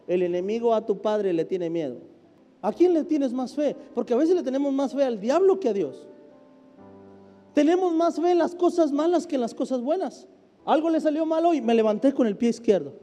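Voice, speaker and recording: Man, pastor, very high voice, mellow tone, emphatic preaching, reverberant hall, soft music behind. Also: lively intonation, moderate pace. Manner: emphatic preaching with shifts between loud and hushed. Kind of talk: sermon.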